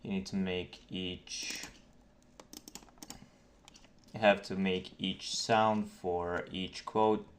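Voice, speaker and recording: A low-voiced man narrates a casual tutorial on game mods, speaking slowly and flatly in short, halting phrases with frequent hesitant pauses. His noisy desk mic picks up light background noise along with keyboard typing and mouse clicks.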